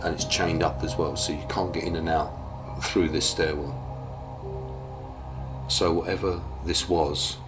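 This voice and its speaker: A man working as a paranormal investigator, explaining things on location in an old fort in a hushed, steady, matter-of-fact way. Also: a bass voice, unhurried, pauses often, over music.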